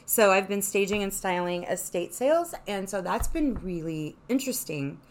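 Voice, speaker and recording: A woman's voice: medium pitch, lively intonation, normal speed, a little hiss or hum. A woman co-hosting a podcast in casual chat, chatty and full of "like", swearing freely. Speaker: podcast co-host.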